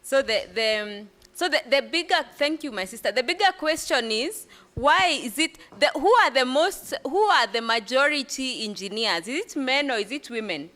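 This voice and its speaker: A woman's voice: high-pitched, expressive, normal speed, sharp tone. A woman leading a workshop discussion, asking the room questions and laughing often. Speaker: workshop facilitator. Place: conference room.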